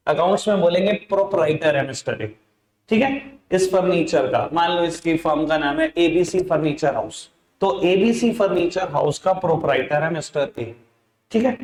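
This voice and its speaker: A man's voice: on the high side, reverberant, low-quality recording. A man teaching an accounts class in a classroom, coaxing his students along and mixing into his talk. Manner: coaxing, addresses students as beta and babu. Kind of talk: classroom lecture.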